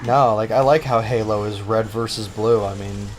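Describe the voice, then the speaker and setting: A man's voice: lowish voice, fairly even intonation, normal speed, a little hiss or hum. A young man co-hosting a casual gaming chat, chatty and reacting to the game. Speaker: co-host.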